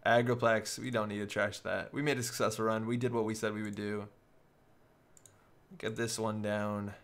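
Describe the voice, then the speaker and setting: A man's voice: on the low side, level tone, normal speed. A man giving live, casual commentary on a card game, thinking aloud as he works through each play step by step.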